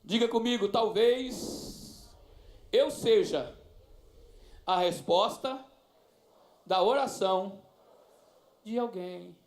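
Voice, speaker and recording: A Brazilian man preaching a sermon as pastor, telling a story tenderly with many diminutives and then rising to loud, fervent preaching. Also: sits high, drawn-out words, long pauses. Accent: Brazilian Portuguese. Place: church sanctuary. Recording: echoey church sound.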